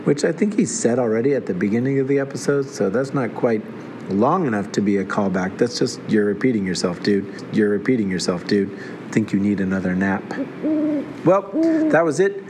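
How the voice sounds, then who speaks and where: A man's voice: fairly low pitch, lively intonation, a little fast, noisy background. Man hosting a wry comedic review. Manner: wry, sarcastic asides. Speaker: host reviewing a TV series.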